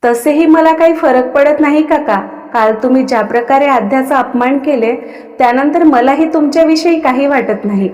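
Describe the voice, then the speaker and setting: A woman's voice: sits high, moderate pace, darkish tone, natural voice. A woman voicing a protective young elder brother who speaks firmly and indignantly, recorded with long reverb. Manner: firm, indignant.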